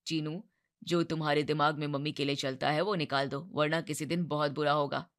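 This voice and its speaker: A woman's voice: low-pitched, fairly even intonation, brisk, pitched below the performer's own voice. A woman voicing a stern young husband. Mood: firm.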